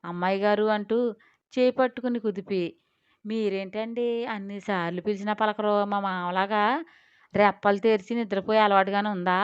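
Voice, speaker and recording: A woman's voice: medium pitch, moderate pace, clear, resonant tone, no echo, muffled recording. A woman narrating a family drama story and acting out the dialogue of each character in turn. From India. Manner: lively, switches between playful and sulky character voices. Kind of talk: scripted narration with acted dialogue.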